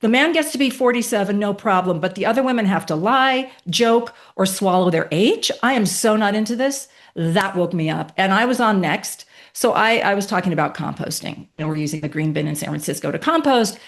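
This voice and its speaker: A woman in her late fifties, a podcast guest telling a personal story with emphatic, animated delivery and rhetorical questions. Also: mid-range voice, a little fast, hardly any pauses. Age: 50s.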